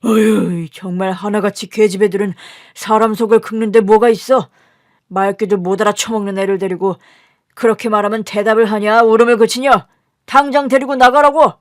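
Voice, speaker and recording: A woman voicing a harsh, short-tempered father who shouts coarse scolding at his daughters in a radio drama. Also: mid-range voice, steady tone, a little fast, no echo, clean studio sound, natural voice. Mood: furious.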